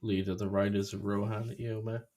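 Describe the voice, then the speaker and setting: A man's voice: on the low side, level tone, a little fast, mellow. A British man with slightly slurred speech, chatting casually and drily as a podcast co-host.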